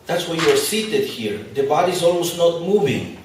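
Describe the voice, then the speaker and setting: Before a live expo audience, a spiritual teacher whose first language isn't English gives a chatty lecture with a bit of humor. His fairly high voice is animated and moves at normal speed. The background is noisy, the large venue very echoey, and he stands far from the mic.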